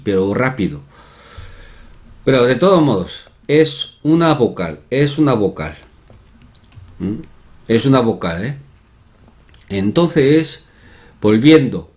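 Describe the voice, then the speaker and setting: Guy teaching a grammar lesson, talks slow, says everything twice and keeps tossing in little tag questions. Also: medium pitch, darkish tone. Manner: repetitive, checks in with tag questions. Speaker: Korean language teacher. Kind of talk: explanatory online lesson.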